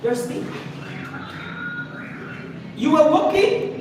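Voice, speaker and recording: A man's voice: very high-pitched, sing-song, slow pace, a crowd in the background. A man coaching public speaking in a live workshop, demonstrating points and quizzing the audience. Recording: echoey room, far from mic, noisy.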